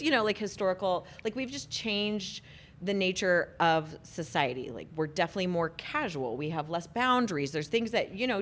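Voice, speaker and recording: A woman's voice: lowish voice, a little hiss or hum. A woman co-hosting a podcast in casual chat, telling stories and laughing often. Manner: chatty, laughs often, storytelling. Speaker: podcast co-host.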